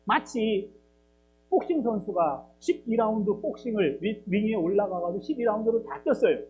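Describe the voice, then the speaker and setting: A man's voice: sits high, lively intonation, moderate pace, muffled recording, slight background noise. A man preaching a sermon as pastor, acting out dialogue and asking rhetorical questions. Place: church.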